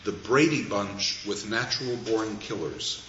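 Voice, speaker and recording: A man's voice: on the low side, unhurried, heavy background noise. A man giving an anecdotal lecture, a wry storyteller who chuckles at his own asides. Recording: echoey, dull room recording with faint ambience.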